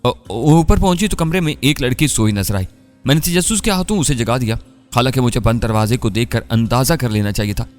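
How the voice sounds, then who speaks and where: A man's voice: mid-range voice, lively intonation, brisk, in a large hall, faint music behind, natural voice. A man reading an audiobook voices a frightened, apologetic young woman doctor who stammers. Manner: stammering, flustered.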